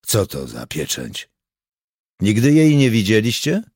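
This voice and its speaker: A man voicing a calm, self-assured male volunteer who speaks in a measured, diplomatic way. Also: lowish voice, breathy edge, dry recording, clean studio sound, pitched above the performer's own voice, exaggerated voice.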